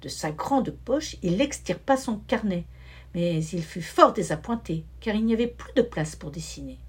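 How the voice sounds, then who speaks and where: Husky woman reading a children's story. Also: fairly low pitch, normal speed. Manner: expressive, rhythmic listing.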